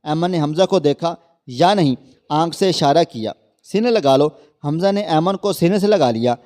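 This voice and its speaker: Brief: male storyteller, slightly high voice, mellow and soft, earnest scripted narration. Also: animated.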